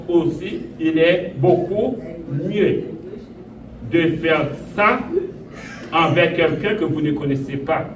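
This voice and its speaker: Pastor, man from Haiti, slow repetitive preaching, echoey and off-mic. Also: on the high side. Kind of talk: sermon. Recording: echoey room, voice from a distance, audible noise.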